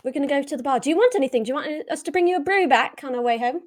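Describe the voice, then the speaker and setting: Higher-voiced woman playing a tabletop game. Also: expressive, rapid-fire. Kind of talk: casual improvised role-play chat.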